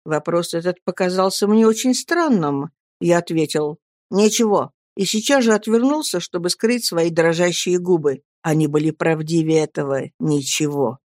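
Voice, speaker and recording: A woman reads a novel aloud in scripted audiobook narration, measured and expressive. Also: on the low side, dry recording, clean studio sound. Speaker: audiobook reader.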